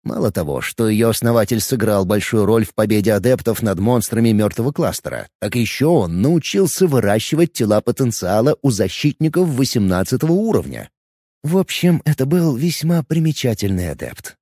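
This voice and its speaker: A man narrating a fantasy audiobook in expressive, scripted narration. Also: mid-range voice, fairly quick, no echo, studio quality.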